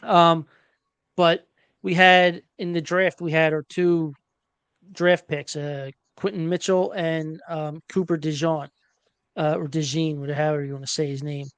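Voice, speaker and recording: Smooth-voiced man hosting casual sports talk. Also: fairly high pitch, steady tone, normal speed, fairly bright tone, dry recording. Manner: chatty, hesitant with many fillers. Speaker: podcast host.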